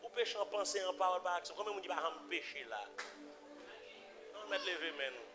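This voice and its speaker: A man with a Haitian accent preaching a sermon, repeating phrases and swinging from low murmurs to loud emphatic cries. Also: expressive, brisk. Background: music.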